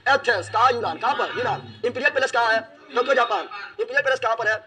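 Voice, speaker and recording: Quick, bright high-voiced male teacher. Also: crowd noise. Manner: drills facts by repeating answers, asks and answers himself. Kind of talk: exam-prep lesson, call and repeat.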